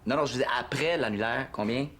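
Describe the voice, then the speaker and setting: A man's voice: medium pitch, fast talker, fairly bright tone, close to an everyday voice. An actor with a Québécois French accent playing an eager, persuasive father in a family sitcom, talking colloquially and insistently. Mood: patient, coaching. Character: eager, persuasive father of a schoolboy, middle-aged. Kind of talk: naturalistic sitcom dialogue.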